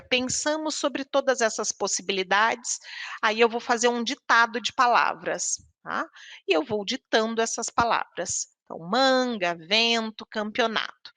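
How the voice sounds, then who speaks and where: A woman from Brazil leads a training session for teachers, talking at a slow, deliberate pace. Her voice is bright and sits a little high. She is recorded close up in a dry room. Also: dry recording. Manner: explains patiently, reads word lists slowly, checks in with "né?". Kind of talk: online teacher training lecture.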